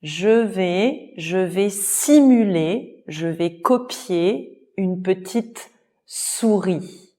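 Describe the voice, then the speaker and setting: A woman voicing a tiny, clever male elf with a high, squeaky, insistent voice. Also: expressive, extremely slow, mellow. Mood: scheming.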